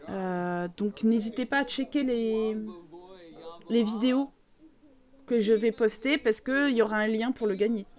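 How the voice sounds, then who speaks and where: Chatty French woman streamer, high voice. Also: unhurried, a little mellow. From France. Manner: chatty, rambling, many fillers. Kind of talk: casual live game commentary with chat.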